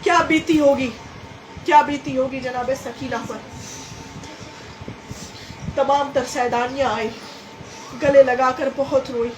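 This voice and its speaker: A woman's voice: sits high, fairly even intonation, slow pace, long pauses, soft background music. A woman religious orator narrating a mournful story at a gathering, impassioned and repeating phrases for emphasis. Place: gathering hall. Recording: roomy hall with faint ambience.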